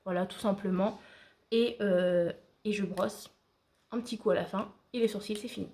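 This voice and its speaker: A woman's voice: mid-range voice, steady tone, normal speed, a little mellow. A woman giving a casual makeup tutorial, chatting to viewers like friends with frequent hesitations. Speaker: beauty vlogger.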